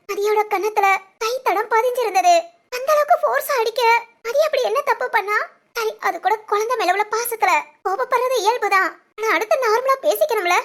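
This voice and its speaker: A hurt young wife with a very high, thin voice, crying as she speaks. She talks in a plaintive, complaining way, and sobs break through her lines. This is cartoon family-drama voice acting. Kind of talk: animated family story voice acting.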